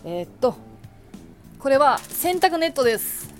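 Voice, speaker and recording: A woman's voice: high voice, sing-song, measured pace, soft background music. A young woman chatting casually about her shopping, adding playful sound effects. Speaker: vlogger. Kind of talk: casual shopping haul vlog.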